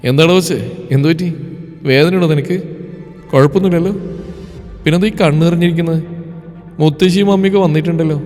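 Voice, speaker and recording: A man's voice: fairly high pitch, fairly even intonation, fast, pauses often, a little mellow, lightly acted. A man voicing an impatient, hot-tempered young husband who talks bluntly and demandingly. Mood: worried. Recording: reverberant with background music.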